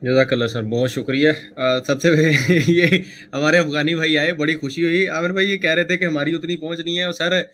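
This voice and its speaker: A man's voice: a little high, fairly even intonation, normal speed, few pauses, fairly bright tone, slight background noise. A man on a remote call co-hosting a religious debate stream, joking and teasing, and reciting couplets with emphasis. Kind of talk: casual chat with banter and recited couplets.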